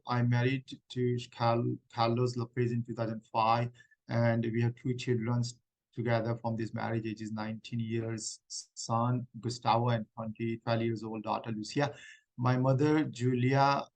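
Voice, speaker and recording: A man playing a middle-aged woman refugee claimant in a mock hearing role-play, answering haltingly with many restarts. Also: mid-range voice, flat delivery, lightly acted, rough recording. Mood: earnest.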